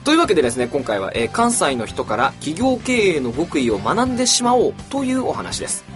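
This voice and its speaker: A man from Saitama, Japan, hosting a book podcast, introducing a new title in a chatty, animated way with frequent fillers. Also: a little high, fairly quick, over music.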